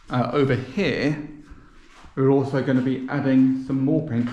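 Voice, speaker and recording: A man's voice: medium pitch, a little mellow. A man chatting casually as he vlogs, his voice echoing heavily around a nearly empty indoor room. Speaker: vlogger. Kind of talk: casual chat to camera.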